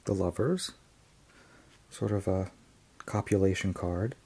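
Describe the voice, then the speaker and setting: A man's voice: sits low, takes it slowly, dark tone, breathy edge. A man casually reviewing and unboxing a tarot deck, hesitant, with frequent ums and restarts.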